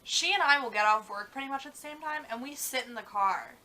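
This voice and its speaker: A young woman co-hosting a casual vlog chat, talking fast and loose with lots of fillers. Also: a little high, lively intonation, bright, forceful tone, poor audio. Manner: chatty, many "like" fillers, trails off. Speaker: vlog co-host.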